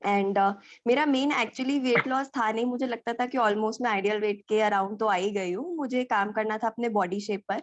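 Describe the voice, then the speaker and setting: A woman's voice: on the high side, normal speed, hardly any pauses, no room sound. Young woman participant, earnest and explanatory, dry close sound, slightly dull audio. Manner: earnest, explains at length, Hindi mixed with English. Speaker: participant sharing her results.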